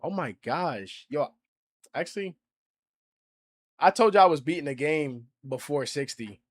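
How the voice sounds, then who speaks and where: A man's voice: on the high side, lively intonation, measured pace. A man in his twenties, casually chatting on a livestream in heavy slang, reacting to and reading out viewer comments. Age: 20s. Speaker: streamer.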